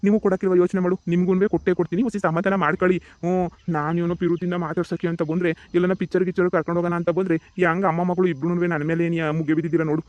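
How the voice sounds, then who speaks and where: A man's voice: sits high, little pitch movement, very fast, a little mellow, no echo, muffled recording, close to an everyday voice. A man voicing a harried, grumbling village husband. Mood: placating. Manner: placating, grumbling. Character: harried middle-aged village husband caught between women. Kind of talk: cartoon comedy voice acting.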